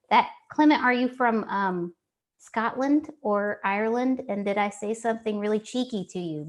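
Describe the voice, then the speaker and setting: Chatty Texan woman on a video call. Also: mid-range voice. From Texas. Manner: chatty, enthusiastic, self-mocking. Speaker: co-host. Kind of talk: casual video-call chat.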